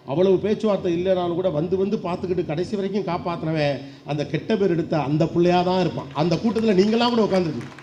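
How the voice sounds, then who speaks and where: A middle-aged man giving a lively motivational speech to an audience, firing off rhetorical questions and acting out voices. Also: high voice. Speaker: public speaker. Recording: dull lo-fi sound with faint background noise.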